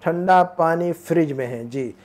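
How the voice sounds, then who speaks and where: Male tutor, warm low-key tone, slow drilling and quick asides. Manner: drills phrases slowly, then explains quickly. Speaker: Arabic teacher. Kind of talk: one-on-one language lesson.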